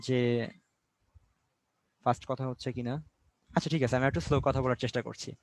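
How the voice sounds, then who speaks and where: Young man from Bangladesh, biology tutor, rapid delivery, fairly high voice, dry close mic, rhetorical questions. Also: no room sound. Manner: explains step by step with rhetorical questions, mixes English words. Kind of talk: online class lecture.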